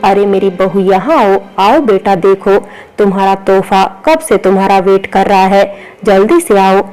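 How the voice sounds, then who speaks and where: Lady reading a doting old dad-in-law, warm but stern, storybook style. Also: medium pitch, unhurried, natural voice, poor audio. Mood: fond. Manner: warm, scolding. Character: affectionate, stern elderly father-in-law.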